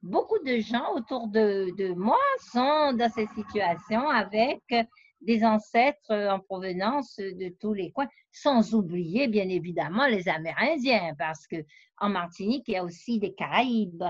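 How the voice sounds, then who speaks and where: A woman's voice: medium pitch, lively intonation, a little slow, dry recording. A woman researcher and novelist, interviewed, explaining her ideas at length with frequent hesitations. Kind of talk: conversational interview. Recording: dull lo-fi dry sound.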